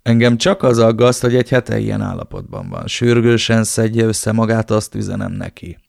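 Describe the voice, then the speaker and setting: A man voicing a menacing male cartel boss who speaks in measured threats, in an audiobook. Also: lowish voice, very animated, creaky, a little mellow, no echo, clean studio sound, exaggerated voice.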